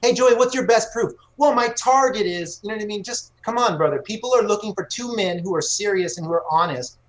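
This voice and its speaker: A man's voice: high-pitched, brisk, low-quality recording. A man in his forties arguing combatively and boastfully in an online debate. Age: 40s. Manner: combative, boastful, repeatedly calls others brother. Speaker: debate guest.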